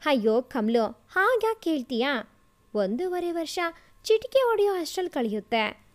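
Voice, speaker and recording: A man's voice: very high voice, normal speed. A woman reading aloud and voicing a playful, teasing young man in a storybook tale. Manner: teasing, lively.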